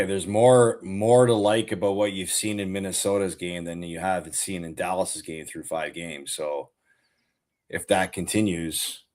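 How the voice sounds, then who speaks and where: A man, a former hockey player, talking hockey with an easygoing, teasing manner. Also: sits low. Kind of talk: casual sports chat.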